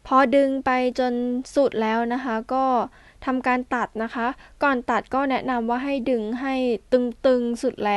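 A woman's voice: high voice, clear, resonant tone, no echo. A woman farmer explaining in a casual, polite way, step by step, how she prepares a planting field. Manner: polite, explains step by step, adds soft particles. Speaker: farmer demonstrating field work. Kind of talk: casual instructional talk.

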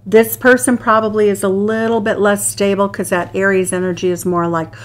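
A woman's voice: medium pitch, little pitch movement, fairly quick. An Irish woman reading tarot cards to camera, enthusiastic and exclaiming over each card as she turns it. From Ireland. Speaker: tarot reader. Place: indoors at a card table. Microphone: hands only seen, overhead camera on table.

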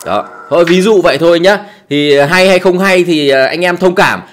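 Brief: male tutorial host, slightly high voice, loose chatty delivery full of fillers, small closed room. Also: normal speed, fairly bright tone, soft background music. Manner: chatty, many fillers and repeats, tag words at ends. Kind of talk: casual how-to tutorial.

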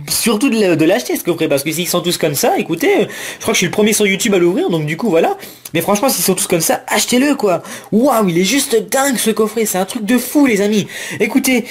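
A man hosting a casual card-opening vlog, listing card names in a running commentary and talking excitedly to his viewers. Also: high voice. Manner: excitable, exclamatory, addresses viewers as friends.

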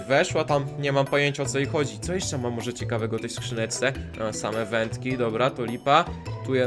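A man hosting a game video, talking to his viewers with excitable, jumpy outbursts. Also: mid-range voice. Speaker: gaming video host. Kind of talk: Minecraft let's play commentary.

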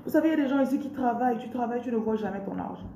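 A woman's voice: a little high, rapid-fire, warm tone, echoey room, muffled recording, a little hiss or hum. A woman with a Cameroonian French accent preaching a prosperity sermon on a live stream, declaring blessings and repeating her phrases.

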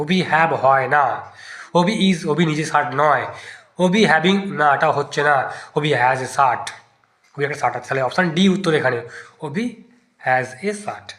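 A male teacher talks through exam questions option by option, reasoning aloud as he rules each one out. His voice is bright and sits a little high. The room around him is echoey. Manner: thinks aloud, testing each option in turn. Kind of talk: exam-prep lesson explaining grammar answers.

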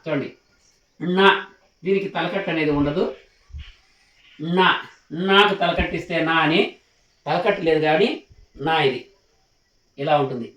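A man with a fairly high voice teaches a classroom lesson patiently, repeating each point and checking that his listeners follow. He sounds as if he stands some way from the mic, and the room gives his voice a roomy echo. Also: normal speed, long pauses, a bit bright, muffled recording. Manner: patient, repetitive, asks questions to check understanding. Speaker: Telugu teacher. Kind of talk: classroom lesson on letter forms. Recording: echoey room, mic at a distance.

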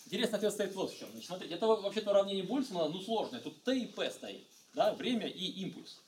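A middle-aged man giving a university physics lecture, talking in a halting way with many fillers and restarts. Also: high voice, lively intonation, darkish tone, a little hiss or hum. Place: lecture room. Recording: echoey lecture hall, mic far off.

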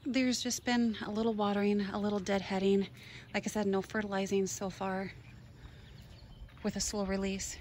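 Speaking at a moderate pace, this Minnesota gardening vlogger has a mid-range, darkish voice with little pitch movement, plus a little hiss or hum. She chats enthusiastically through a casual outdoor tour of her container garden, pointing things out and filming on a handheld phone.

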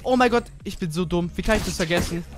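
A man giving casual gaming commentary, excitable and chatty as he plays with a teammate. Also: high voice, fast. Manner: excitable, swears casually, talks to teammate while playing. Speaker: gamer.

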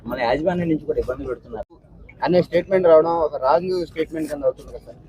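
A man reporting from a press scrum speaks at a breakneck pace, pushing question after question and calling the official sir. His voice is a little higher than most men's. The recording is dull and lo-fi. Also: racing, warm tone. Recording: dull lo-fi sound.

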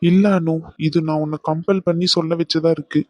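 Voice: mid-range voice, little pitch movement, brisk, no room sound, close to an everyday voice. Brief: voice actor as a short-fused young cartoon lover, blunt and heated, dry close sound. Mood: hurt, earnest. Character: young man, hot-tempered lover. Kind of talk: Tamil cartoon dubbing.

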